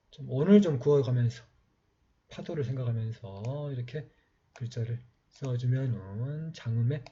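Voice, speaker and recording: Slow, patient man teaching calligraphy. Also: medium pitch, mellow. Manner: patient, talks while writing, many pauses and fillers. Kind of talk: slow step-by-step writing lesson. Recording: slightly dull lo-fi sound with faint noise.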